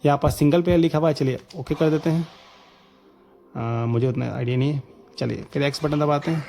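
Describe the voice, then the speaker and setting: A man casually talking viewers through a gaming setup tutorial, chatty and excited, calling them friends. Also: fairly high pitch, a little fast, gravelly, a little hiss or hum. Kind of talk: casual screen-recorded tutorial commentary.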